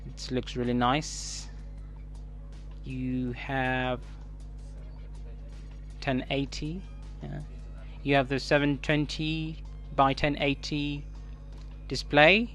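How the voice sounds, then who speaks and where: A man with a Kenyan, East African accent talks through an unboxing in a casual reviewer's style. His pitch sits in the middle range for a man, and he speaks in halting phrases as if thinking aloud. Music plays behind his voice. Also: level tone, a bit bright. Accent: Kenyan English. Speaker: tech reviewer.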